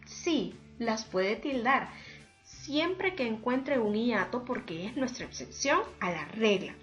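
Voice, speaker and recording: Slow, careful woman teacher with a slightly high voice; dull lo-fi audio, faint music behind. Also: animated, fairly bright tone. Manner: slow, deliberate, syllable by syllable, addresses students formally. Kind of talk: remote lesson on spelling and accents.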